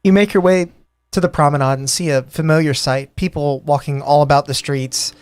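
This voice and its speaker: A man narrating a tabletop game as game master, in halting, thoughtful phrases, with music underneath. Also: on the high side, fairly even intonation, clean tone, dry recording.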